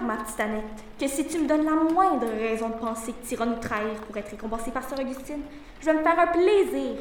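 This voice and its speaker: A woman's voice: high-pitched, background noise. A woman playing a menacing, mocking bully at a girls' boarding school in an audio drama. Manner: taunting, threatening, mocking. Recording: very echoey, distant mic.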